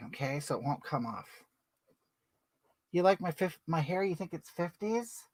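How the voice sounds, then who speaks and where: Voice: mid-range voice, no echo, natural voice. A performer playing a brash older woman who chats through a makeup livestream and greets viewers by name. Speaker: livestream host. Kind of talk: comedic livestream character.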